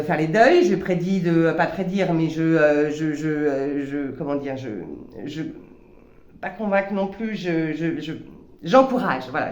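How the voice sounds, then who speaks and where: Hesitant woman vlogging in a roomy space. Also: mid-range voice. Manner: hesitant, many stammered restarts. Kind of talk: reflective personal vlog. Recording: roomy echo.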